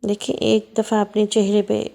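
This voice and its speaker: A woman teaching a gentle children's Quran lesson, speaking slowly and coaxing the children with questions. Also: medium pitch, monotone, gravelly.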